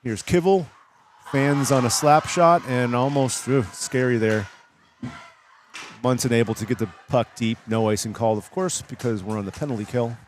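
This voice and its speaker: Brisk male hockey play-by-play voice. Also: slight background noise. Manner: brisk, rises in pitch on big plays. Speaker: play-by-play commentator. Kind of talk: live hockey play-by-play commentary.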